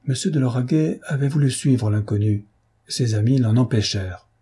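Man, audiobook narrator, husky, mellow, measured. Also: medium pitch. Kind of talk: reading of a classic novel.

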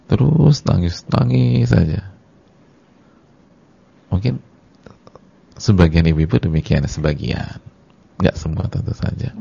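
A man preaching a religious lecture, speaking directly to the women listening and acting out dialogue in a high weeping voice. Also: sing-song, unhurried, creaky, pauses often, mellow, husky, muffled recording. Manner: addresses the women in the audience directly. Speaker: Islamic preacher. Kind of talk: sermon-style religious lecture.

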